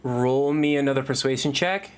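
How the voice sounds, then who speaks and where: An easygoing man runs a tabletop game over a voice call, narrating in a halting, relaxed way. His voice sits at an ordinary middle pitch. He comes through a computer microphone. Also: clear, resonant tone. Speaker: game master. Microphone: computer mic on a call.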